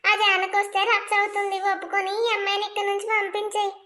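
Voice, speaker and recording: A woman's voice: very high-pitched, completely flat delivery, fast talker, bright, forceful tone. A woman voicing a gossipy, meddling middle-aged neighbor woman in a cartoon, sly and mocking. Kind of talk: cartoon voice acting.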